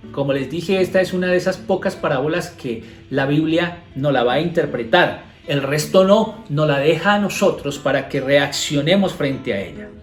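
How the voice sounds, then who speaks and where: A male pastor with a Colombian Spanish accent and a somewhat high voice teaches a devotional. He reads scripture aloud, then breaks it down with rhetorical questions. The room echoes, and soft guitar music plays faintly behind him.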